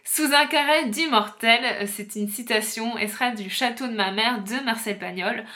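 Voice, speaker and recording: A woman novelist hosting a book video, explaining things clearly with occasional hesitant fillers. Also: on the high side, measured pace, sharp tone. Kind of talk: informative book-talk video.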